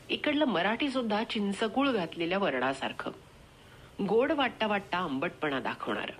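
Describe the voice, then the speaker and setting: A woman narrating a short story in a measured, expressive reading. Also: lowish voice, a little hiss or hum.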